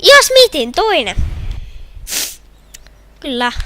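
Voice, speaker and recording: A young woman with a Finnish accent commenting on her own hockey video game match, shouting and groaning at the plays. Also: very high voice, sing-song, a little hiss or hum. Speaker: gamer. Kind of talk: gameplay commentary.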